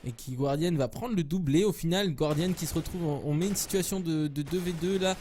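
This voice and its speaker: A man casting a live esports match alone, rambling and joking between plays, with quick bursts of excitement at big moments. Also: on the high side, a little hiss or hum. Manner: jokey, rambling, self-mocking asides. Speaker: esports caster. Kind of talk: solo live game commentary.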